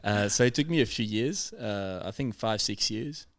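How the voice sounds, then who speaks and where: A man in his thirties, originally from France and speaking with a French accent mixed with Australian English, chatting casually as a podcast guest in an animated, plain-spoken way and laughing often. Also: fairly low pitch, moderate pace, dry recording.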